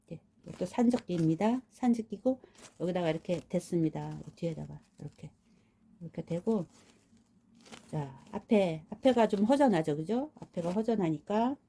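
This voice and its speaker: Speaking at a normal pace, this woman has a lowish, dark, slightly rough voice with animated delivery. She's a florist at a rural home showing how to wrap flowers, casually talking viewers through every step of the process.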